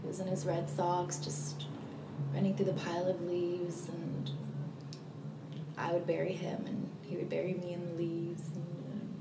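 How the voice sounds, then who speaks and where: A young woman acting a dramatic monologue as a grieving, remorseful recovering addict, speaking in a halting, confessional way. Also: fairly low pitch, monotone. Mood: subdued, confessional. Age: young adult. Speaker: actor performing a monologue. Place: small plain room indoors. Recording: echoey, noisy room, distant mic.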